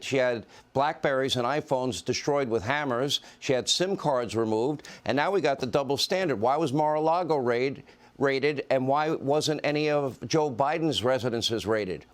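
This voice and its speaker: A middle-aged man hosting a TV news interview, firing off emphatic, rapid-fire questions to his guests. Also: mid-range voice. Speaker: TV news host.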